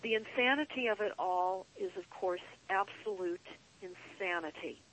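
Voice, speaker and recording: A woman guest on a call-in show, speaking in an earnest, deliberate, emphatic way, like a paranoid late-night rant with drawn-out phrases. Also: medium pitch, a bit bright, a little hiss or hum, rough recording. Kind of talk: earnest conspiracy monologue.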